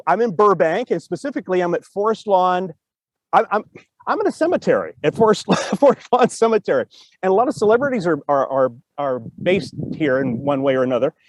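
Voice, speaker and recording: Recording outdoors in a cemetery with no echo, a man with a fairly high voice co-hosts a podcast in casual chat. He's a storytelling teacher whose enthusiasm rambles, and he often repeats his phrases.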